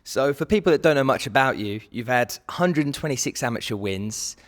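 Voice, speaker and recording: A man's voice: mid-range voice, lively intonation, a little fast. A man hosting an interview, asking a guest direct questions and briefly summarizing his background. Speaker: interviewer, host.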